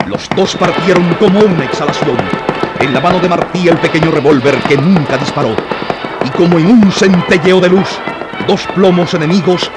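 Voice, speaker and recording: A man's voice: fairly high pitch, normal speed. A man giving dramatic scripted narration of historical events for a radio drama, in a solemn, heightened manner. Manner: solemn, rising to heightened intensity in battle passages. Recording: narration over loud music.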